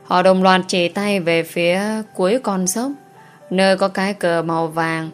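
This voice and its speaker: A woman reading an audio novel in a steady voice. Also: fairly low pitch, measured pace, faint music behind. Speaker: narrator.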